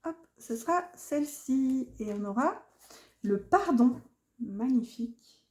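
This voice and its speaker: A woman with a fairly high voice and a soft, mellow tone. She presents oracle cards gently, taking her time over each phrase. A slight lisp colours her speech as she moves between casual remarks and read-aloud texts. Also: animated, slow. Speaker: oracle card deck presenter.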